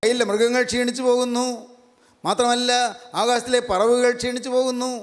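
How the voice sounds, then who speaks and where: An older man preaching a sermon, emphatic and repetitive, slowing down to stress key words. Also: extremely high pitch, little pitch movement. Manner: emphatic, repeats each verse phrase, slows on key words. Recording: long hall reverb.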